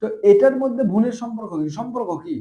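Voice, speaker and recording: A man's voice: very high-pitched, fast, dark tone. A man teaching a madrasa grammar lesson, quizzing his students with constant rhetorical questions. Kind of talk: classroom Arabic grammar lesson.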